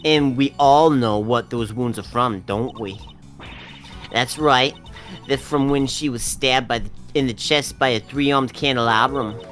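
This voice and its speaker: A man voicing a stern, smug old legal authority and father in an improvised comic game dub, condescending and deliberate. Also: mid-range voice, fairly bright tone, natural voice. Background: game music.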